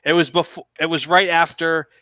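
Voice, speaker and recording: Bright-voiced man, rambling and halting. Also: fairly high pitch, little pitch movement, dry recording. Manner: rambling, halting, repeats and restarts phrases. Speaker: stream participant chatting about TV shows. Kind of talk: casual chat on a livestream.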